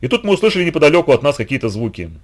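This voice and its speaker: Expressive male storybook narrator. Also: on the high side, racing.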